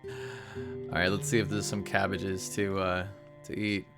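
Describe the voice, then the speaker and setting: A man with a low, nasal voice, still groggy from just waking up, talks a little slowly while live-streaming a game, with music playing behind him. His commentary is relaxed and rambling, full of fillers, as he chats casually and sleepily.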